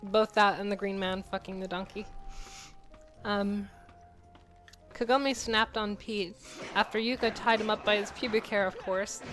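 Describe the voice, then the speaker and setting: A woman's voice: mid-range voice, fairly even intonation, measured pace, pauses often, a bit bright, soft background music, rough recording. A young woman co-hosting a gameplay video, reading a crude fan story aloud and laughing through it. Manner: giggly, reads aloud while breaking into laughter.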